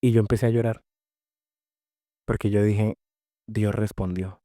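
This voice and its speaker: A young Colombian man speaks as a podcast guest, telling his story of faith with heartfelt earnestness. His voice sits low and sounds dark and mellow. The sound is dry and close, with no room around it. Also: little pitch movement, measured pace, no room sound. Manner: earnest and heartfelt, often repeating phrases. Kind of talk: personal faith testimony.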